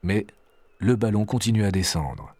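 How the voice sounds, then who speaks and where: A man narrating a storybook adventure in a measured, expressive reading. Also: on the low side, dry recording.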